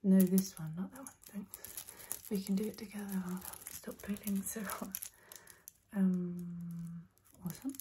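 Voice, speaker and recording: A woman doing an ASMR role-play in a soft, breathy ASMR voice, coaxing the listener playfully with repeated trigger words and tingly mouth sounds. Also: steady tone, moderate pace, a little hiss or hum. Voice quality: soft-spoken, breathy soft voice, often slipping into soft low speech. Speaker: ASMR performer.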